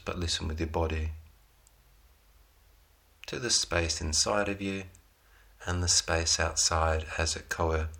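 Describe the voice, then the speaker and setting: A man leading a guided relaxation meditation, giving soothing, unhurried instructions in short phrases with pauses between them. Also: low-pitched, vocal fry, fairly bright tone.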